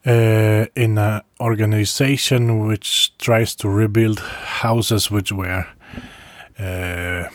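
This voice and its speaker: A man speaking in a casual first-person travel diary, halting, with frequent pauses and restarts and soft chuckles between phrases. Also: fairly low pitch, dry recording. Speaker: traveler recording a video diary.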